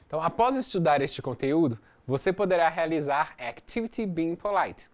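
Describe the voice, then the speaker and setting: An English teacher recording a distance-learning lesson, explaining step by step and reading example sentences slowly. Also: mid-range voice, expressive.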